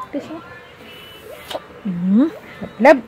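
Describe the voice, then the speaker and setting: A woman's voice: sits high, animated, extremely slow, warm tone, muffled recording, slight background noise. A woman who is a mother and vlogger, filming at home and chatting casually to her viewers between bursts of playful baby talk. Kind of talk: casual home vlog, talking to camera and baby.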